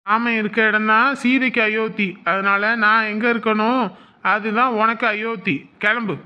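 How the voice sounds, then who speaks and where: A man's voice: high-pitched, level tone, normal speed, smooth, lo-fi sound, close to an everyday voice. A man playing a bossy young husband. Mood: impatient. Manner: bossy, impatient. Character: impatient young husband, commanding. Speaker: husband urging his wife to leave. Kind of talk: Tamil web-series acting.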